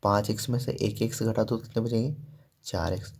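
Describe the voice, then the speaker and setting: A man's voice: fairly low pitch, steady tone, fairly quick, vocal fry, darkish tone, husky. A man teaching a math lesson step by step, asking questions and answering them himself, with frequent "ठीक है" and "देखो".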